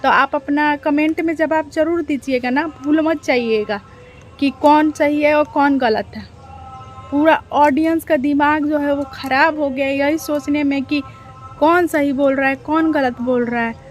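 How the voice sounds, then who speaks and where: A woman's voice: high voice, fairly even intonation, measured pace, faint music behind. A woman reaction vlogger, chatting casually to her viewers, full of rhetorical questions and repeated phrases.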